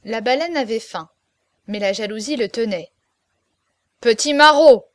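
A woman reads a classic novel aloud with lively, expressive storytelling. Her voice sits a little higher than most. The sound is dry and close, with no room echo. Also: moderate pace. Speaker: narrator. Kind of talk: audiobook reading of a classic novel.

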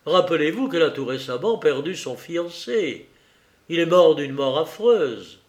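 A man's voice: on the high side, expressive, unhurried, voice pushed up. A man reading a storybook part as a firm lawyer who speaks insistently and takes command, in an echoey room.

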